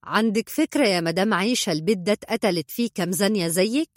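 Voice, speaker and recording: A woman voicing a sarcastic, hot-tempered retired hitman, mocking and scornful, flaring into shouts. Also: mid-range voice, fast, dry recording, clean studio sound, natural voice.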